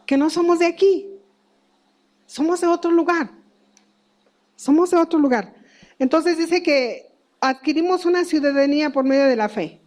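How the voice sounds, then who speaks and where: A middle-aged woman giving a conversational church Bible teaching, asking rhetorical questions and laughing at her own stories. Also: high-pitched.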